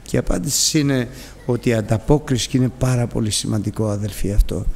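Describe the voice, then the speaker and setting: A male preacher giving a sermon, telling the story dramatically with big swings in pitch and loudness. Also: vocal fry, a little hiss or hum. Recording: long hall reverb.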